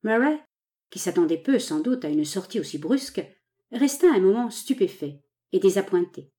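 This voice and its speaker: A woman reads a romantic novel aloud with measured, dramatic pacing. Her tone is mellow and warm, and her pitch sits in an ordinary middle range. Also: animated. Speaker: audiobook narrator. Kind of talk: scripted novel narration.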